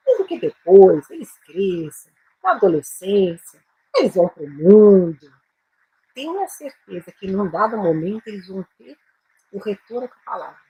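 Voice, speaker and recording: A woman with a Brazilian Portuguese accent teaching a live Bible-based English lesson, speaking slowly and emphatically, repeating phrases and often adding tag questions. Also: medium pitch, a little mellow, husky, poor audio.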